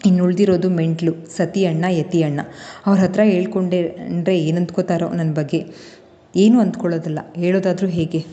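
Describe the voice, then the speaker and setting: A woman's voice: lowish voice, mellow, natural voice. Woman voicing a frightened stammering teenage girl. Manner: stammering, fearful. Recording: long reverb.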